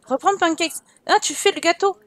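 A woman's voice: very high-pitched, moderate pace, a bit bright, no room sound. A woman giving casual, chatty commentary while playing a life-simulation game, teasing her characters and getting exasperated. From France. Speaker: game streamer.

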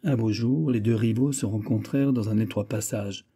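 A man narrating a short story for an audiobook in a measured, even storytelling manner with a husky voice. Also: on the low side. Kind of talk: scripted narration.

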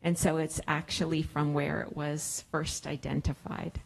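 A woman's voice: deep voice, little pitch movement, measured pace, vocal fry, slightly rough. Middle-aged woman explaining to an audience. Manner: plain, explanatory, with thoughtful fillers. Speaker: public health expert answering audience questions. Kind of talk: science cafe Q&A. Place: large indoor museum hall with seated audience. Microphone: handheld microphone.

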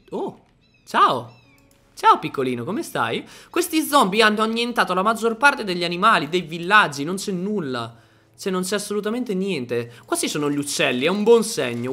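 A man commentating his own Minecraft let's play, excitable and talking to himself and his viewers, with sudden panicky outbursts. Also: a little high. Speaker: gaming youtuber.

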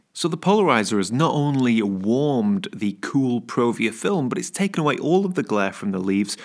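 A man in his thirties, a landscape photographer, talking a shoot through on location. His voice sits low and sounds dry and close despite the open woods, with a calm, explanatory manner. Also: no echo. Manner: calm, explanatory, counts a long exposure in a whisper. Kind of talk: on-location vlog narration. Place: outdoors in an autumn beech forest.

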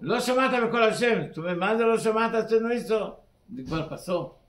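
A rabbi giving a weekly sermon in halting, simple Spanish that is sprinkled with terms. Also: male voice, high-pitched, lively intonation, fairly bright tone, reverberant.

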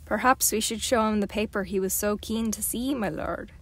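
A woman's voice: medium pitch, moderate pace, lightly acted. A woman voicing an impassive, grizzled gray-bearded ranger in an audiobook reading, speaking evenly and with little expression. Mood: dry. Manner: even, flat, understated. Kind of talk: audiobook character voice.

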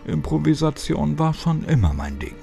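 A man's voice: on the high side, big pitch swings, normal speed, creaky, dark tone, soft background music, voice pushed up, exaggerated voice. A man voicing a sarcastic middle-aged male police officer who talks in a dry, mocking way. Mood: sardonic. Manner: teasing, dry and sneering.

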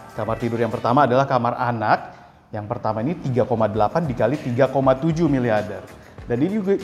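A man presenting a property on a walking house tour, talking upbeat and straight to the viewers. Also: on the high side. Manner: upbeat, addresses viewers directly. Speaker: real estate house tour host.

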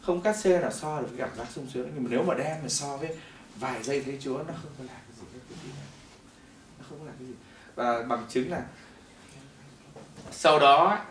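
Fast-talking male preacher in echoey hall. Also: medium pitch, a little hiss or hum. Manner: animated storytelling, swinging between loud and hushed. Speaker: preacher giving testimony. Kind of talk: testimony sermon. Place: church hall. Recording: echoey hall, mic at a distance.

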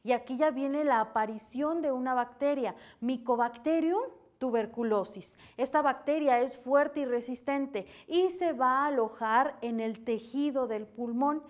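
A woman with a Mexican accent giving a steady, explanatory health talk on the radio as an herbal advisor. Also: high voice, a little slow.

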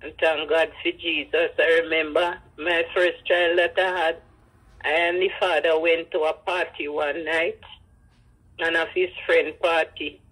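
A grandmother with a Jamaican accent tells stories from her life in patois and dramatizes the dialogue. Her voice sits low but is a bit bright, with a breathy edge, a level tone and a slightly slow pace, on a rough recording.

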